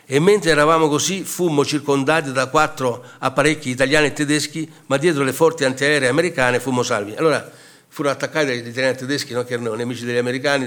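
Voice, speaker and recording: An older man presenting his book, telling a story and reading from a war diary aloud in a halting way, with many restarts. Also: mid-range voice, a bit bright.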